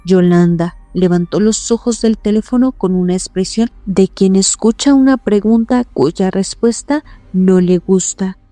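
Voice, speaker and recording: Woman narrating a horror story, mellow voice. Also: medium pitch, no echo, faint music behind. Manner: measured, suspenseful first-person telling.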